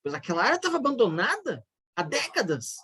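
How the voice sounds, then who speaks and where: A man teaching an online course as a legal advisor, explaining earnestly with frequent restarts and fillers, his pitch climbing on emphatic points. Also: wildly swooping pitch, a little fast, bright, forceful tone, breathy edge.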